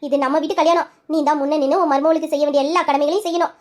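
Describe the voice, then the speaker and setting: A high young voice playing a widowed sister-in-law who consoles a younger woman in a soothing, motherly way. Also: steady tone, very fast, natural voice. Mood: calm, practical.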